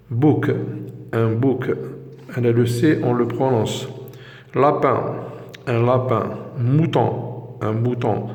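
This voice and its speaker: A man teaching vocabulary, pronouncing each word slowly and carefully and then repeating it with its article. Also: medium pitch, gravelly, darkish tone. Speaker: language teacher. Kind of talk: vocabulary lesson, word-by-word pronunciation drill. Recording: echoey room with long reverb.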